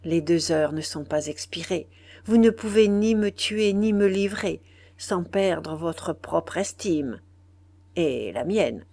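A cold, disdainful stranger speaks with eerie calm, his words slow and melodious, as a woman narrator plays him. There is no heat in him, only measured contempt. The voice sits close and dry in a quiet reading. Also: lowish voice, no echo, heavily acted.

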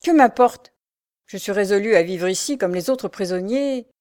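A woman's voice: medium pitch, moderate pace, a little mellow, no echo, clean studio sound, lightly acted. A woman voicing a proud young male knight in prison, haughty and curt. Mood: defiant.

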